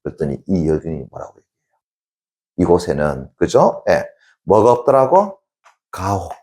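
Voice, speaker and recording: A deep, slightly rough male voice at a moderate pace tells a classical story during a Korean classics lecture. The teacher narrates with animation and sound effects, constantly checking in with his students and then answering himself.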